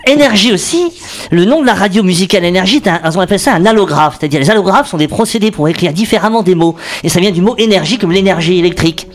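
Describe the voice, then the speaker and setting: A high-pitched, fast-talking man presents an explanatory radio column about acronyms from a studio. He jokes along the way, thinking aloud and restarting his sentences.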